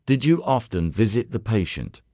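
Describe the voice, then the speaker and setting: A man voicing a calm, courteous elderly detective who asks questions softly and drops French words. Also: fairly low pitch, normal speed, no echo, studio quality, close to an everyday voice. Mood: calm probing. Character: elderly male Belgian detective, calm and probing.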